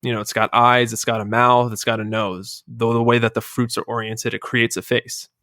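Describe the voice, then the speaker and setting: A man in a casual podcast conversation lays out his point step by step at a middling pitch. The sound is dry and close to the mic. He keeps tagging his sentences with "right?" to check that his listener follows. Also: flat delivery, moderate pace, bright, forceful tone, no echo. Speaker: podcast host. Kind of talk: casual discussion.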